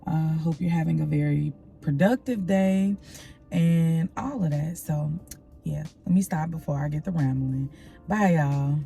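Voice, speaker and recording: A young woman vlogger with a deep, creaky, dark voice that's slightly nasal chats unhurriedly to the camera. She rambles casually to her viewers, calling them y'all, over soft background music.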